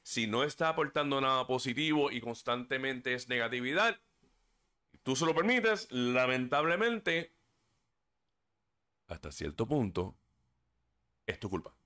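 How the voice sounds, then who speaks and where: Here a man hosts his own casual podcast over a desk microphone. His medium-pitched voice is bright and forceful, with lively intonation, a slightly slow pace and many pauses. He sounds earnest and preachy, sometimes stumbles on words, and drifts into English fillers.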